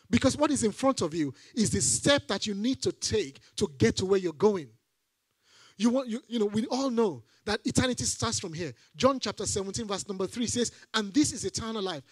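A middle-aged Nigerian preacher delivers a sermon on a church stage through a handheld mic, his husky voice high for a man. He's animated, building to emphatic repeated phrases to hammer his points home. The sound is close and dry, with little room echo.

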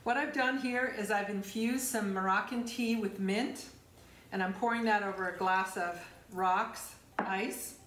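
A middle-aged woman, an executive chef, demonstrating sauces in a large home kitchen, talking in a relaxed, enthusiastic way with some fillers. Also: medium pitch, a little slow, a little hiss or hum. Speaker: cruise line executive chef. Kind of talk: cooking demonstration.

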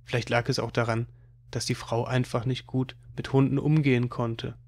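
Guy narrating an audiobook, mid pitch, steady storytelling. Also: normal speed. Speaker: audiobook reader.

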